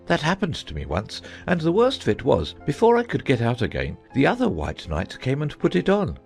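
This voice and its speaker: A man acts the part of a gentle old knight, a solemn, muddled inventor in a storybook drama, rambling earnestly and thoughtfully over faint music. His pitch swings hugely from low to high, he speaks a little fast, and vocal fry creeps in. The mood is solemn and rambling.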